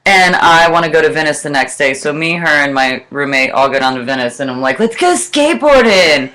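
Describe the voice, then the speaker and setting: A woman's voice: rumbling low, little pitch movement, a little fast, bright, forceful tone. A young adult woman co-hosting a podcast, chatting casually in a blunt, profane way and laughing often. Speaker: podcast co-host. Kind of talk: casual chat.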